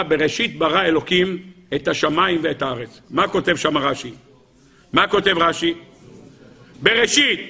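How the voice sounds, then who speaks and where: A rabbi giving an animated Torah lecture, firing rhetorical questions at his listeners. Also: high voice, slightly rough.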